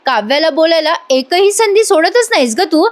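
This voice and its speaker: A woman's voice: extremely high pitch, very animated, normal speed, pitched above the performer's own voice. A woman reading out the lines of an angry young husband who firmly defends his wife. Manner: firm, exasperated.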